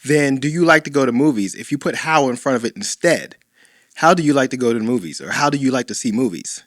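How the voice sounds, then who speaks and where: Lively, animated man coaching on dates. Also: medium pitch, fast talker, no echo, clean studio sound. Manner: animated, playful, acts out quoted lines. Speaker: podcast co-host, dating coach. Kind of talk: casual chat.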